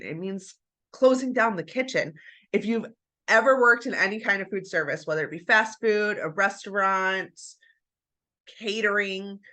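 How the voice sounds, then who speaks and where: A homemaking vlogger with a mid-range, fairly bright voice chats casually to camera about home routines. She's stuffy-nosed after the flu, and her manner is chatty and encouraging as she calls her viewers "you guys."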